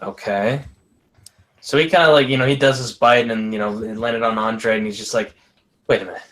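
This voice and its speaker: A young man playing a tabletop game, talking in an excitable, casual way and laughing easily. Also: medium pitch, moderate pace. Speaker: player.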